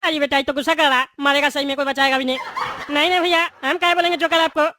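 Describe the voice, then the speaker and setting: Woman doing a squeaky bald cartoon politician man. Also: fairly even intonation, fast, bright, forceful tone, a little hiss or hum. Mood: grovelling. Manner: whiny, blustering then grovelling. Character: bald cowardly boastful male politician in jail. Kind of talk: cartoon voice acting.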